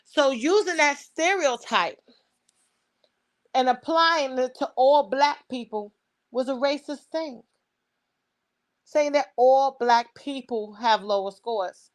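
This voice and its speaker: A woman's voice: high-pitched, slow, pauses often. A woman with a Brooklyn accent giving opinionated commentary, speaking emphatically and informally. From Brooklyn, New York. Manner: emphatic, rhetorical questions, swearing.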